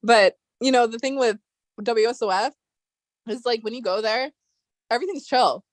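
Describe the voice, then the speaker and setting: A woman's voice: on the high side, normal speed, no echo. A woman hosting a casual chat, talking freely, laughing often and poking fun at herself. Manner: chatty, laughs often, self-deprecating. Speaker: host.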